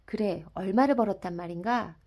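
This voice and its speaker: A woman voicing a cautious middle-aged man who calmly tries to rein in his drunken friend in an audiobook of a classic story. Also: medium pitch, a little fast, close to an everyday voice. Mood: mild concern. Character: cautious middle-aged male drinking friend, mild and sensible. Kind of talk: dramatic audiobook reading.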